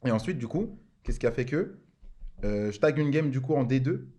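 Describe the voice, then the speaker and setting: A man's voice: mid-range voice, animated, dark tone. A man, a podcast guest, telling stories in a casual chat, slangy and full of filler words. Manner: slangy, rapid, full of fillers like genre and en mode.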